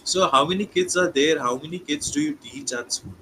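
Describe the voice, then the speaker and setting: A man's voice: fairly high pitch, fairly quick, noisy background. A man from India with an Indian English accent, hosting a casual interview and often saying "okay" and repeating words. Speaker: host.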